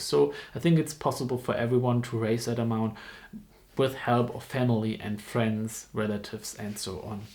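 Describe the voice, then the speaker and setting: Gravelly-voiced German student vlogger. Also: male voice, medium pitch, darkish tone. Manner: halting, with frequent ums and restarts. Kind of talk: casual informational vlog.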